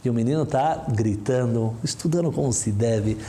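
Lively male storyteller, mellow voice. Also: mid-range voice, moderate pace. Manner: lively, acting out dialogue. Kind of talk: animated storytelling.

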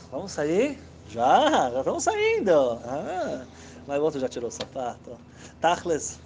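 A man giving a storytelling sermon, animated, acting out the people in his stories. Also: medium pitch, a little hiss or hum. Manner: animated, acts out characters' voices. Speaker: rabbi telling stories.

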